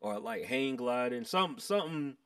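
A man's voice: mid-range voice, lively intonation, moderate pace, a bit bright, smooth, dry recording, clean studio sound, recorded from a distance. An American man in casual chat with friends, talking in a slangy, buddy-like way full of "bro".

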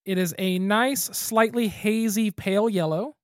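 Unhurried and high-sitting, the co-host's voice carries a laid-back podcast review of a beer, full of thinking aloud and restarts. The recording has studio quality and no room sound.

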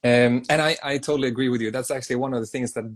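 A man's voice: mid-range voice, fairly even intonation, rapid-fire. A man hosting a casual live interview, chatty and self-deprecating, often repeating words as he thinks. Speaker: interview host.

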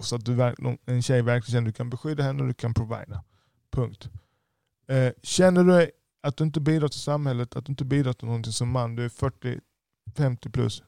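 A business owner with a lisp, giving a blunt, profane podcast monologue. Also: male voice, medium pitch, gravelly, mellow, no echo, studio quality.

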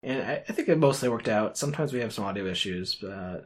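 A man's voice: on the low side, expressive, fast talker, crowd noise. A man co-hosting a podcast in casual chat, hesitant, with many fillers and chuckles. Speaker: podcast co-host.

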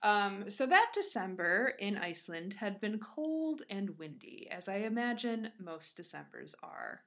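A woman with a Michigan accent tells a story in a casual podcast style. Her pitch sits in the middle for a woman. She is chatty and informal, giggly as she drifts into asides. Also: big pitch swings, a little slow, fairly bright tone. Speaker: podcast co-host.

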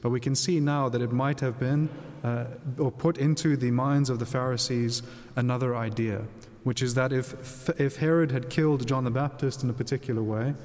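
Priest preaching in a long, echoing church reverb. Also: male voice, mid-range voice, a little mellow. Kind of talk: Gospel reading and homily. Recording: long cathedral-like echo.

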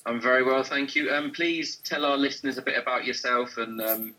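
A man hosting a podcast interview, chatty and relaxed, with lots of ums. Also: medium pitch, fairly quick, poor audio. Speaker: podcast host.

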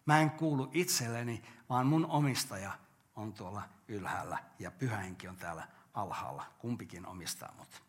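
An older pastor delivers a sermon in an earnest, steady voice. He asks his listeners rhetorical questions and then answers them himself. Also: fairly low pitch.

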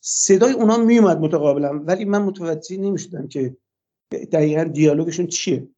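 An older man with a slightly high voice that still sounds dark and mellow. He gives a long personal account for a radio interview, pausing often on "uh" fillers. The sound is dull and lo-fi. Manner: long, hesitant retelling with frequent "uh" fillers. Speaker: interview guest.

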